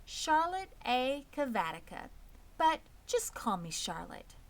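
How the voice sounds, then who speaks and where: A woman's voice: high voice, very animated, slow, pitched above the performer's own voice, exaggerated voice. A woman voicing a poised, pleasant and proud female spider in a children's storybook, composed, precise and matter-of-fact. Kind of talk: children's storybook read aloud.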